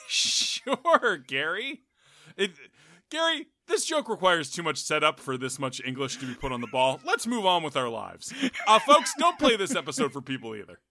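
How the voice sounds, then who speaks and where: A man putting on the voice of a lecherous cartoon character, with a high, nasal, sleazy drawl. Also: wildly swooping pitch, normal speed, pushed and bright, heavily acted. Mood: leering.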